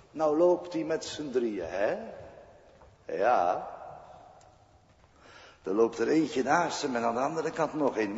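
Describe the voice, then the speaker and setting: A man's voice: mid-range voice, darkish tone. A male pastor preaching a sermon in a church, speaking emphatically and asking rhetorical questions. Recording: dull echoey church recording.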